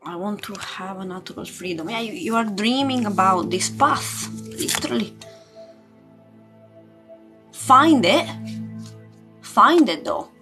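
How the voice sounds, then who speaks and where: Over loud background music, a woman with an ordinary female pitch speaks slowly and animatedly as a tarot reader and spiritual coach hosting an informal live card reading. She hesitates, searches for words, and often repeats or circles back over them while addressing viewers.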